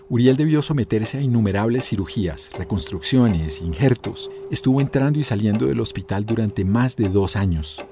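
A man narrating a documentary in a measured, scripted way and asking the guest questions. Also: on the low side. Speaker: narrator and interviewer.

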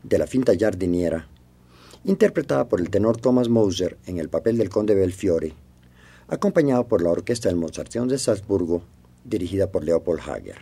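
A man reads a scripted introduction as a classical music announcer. His voice is husky, dark and mellow, with very varied intonation. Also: low-pitched, sing-song, fairly quick. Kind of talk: scripted introduction to an opera aria.

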